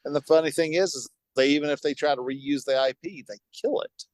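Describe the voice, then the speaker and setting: A man co-hosting a podcast in casual chat, animated and quick to laugh. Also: on the high side, no echo. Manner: animated, laughs often, jumps between topics. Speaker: podcast co-host.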